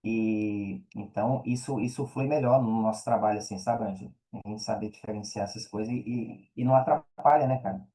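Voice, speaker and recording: This Brazilian-accented podcast guest has a lowish, dark voice and talks briskly with few pauses, and the audio is poor. He chats informally in a casual interview, often dropping in check-in tags to be sure the listener follows.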